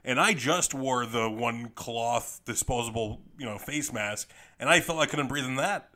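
A man's voice: mid-range voice, normal speed, pushed and bright. A man co-hosting a podcast, easygoing and teasing, laughing a lot. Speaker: podcast co-host. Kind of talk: casual podcast chat.

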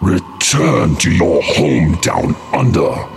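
A man's voice: sits low, sing-song, slow, vocal fry, a little hiss or hum, exaggerated voice. An actor playing an arrogant, cruel male demon lord who threatens in commanding, archaic rhyming verse in an audio drama. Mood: threatening.

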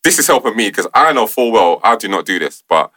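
A man's voice: on the low side, big pitch swings, a little fast, sharp tone, husky. A man with a London accent chatting casually and animatedly as a co-host, using heavy street slang. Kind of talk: casual chat.

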